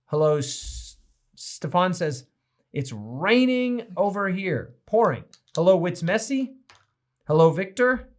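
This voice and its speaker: A man's voice: high-pitched, sing-song, slow pace. A man hosting a casual livestream as a pastor, cheerfully greeting viewers by name, a bit tired. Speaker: host and pastor.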